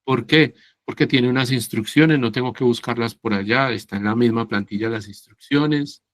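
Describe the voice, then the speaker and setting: A man teaching English in an online class, explaining slowly and patiently and often checking that his students follow along. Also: medium pitch. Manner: slow, patient, checks understanding with "¿sí?" and "¿cierto?".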